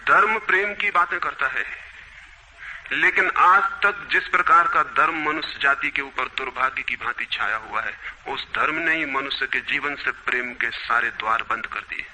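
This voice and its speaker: A man's voice: mid-range voice, normal speed, sharp tone, slight background noise, rough recording. A man delivering a spiritual discourse in an earnest, emphatic way. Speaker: spiritual speaker.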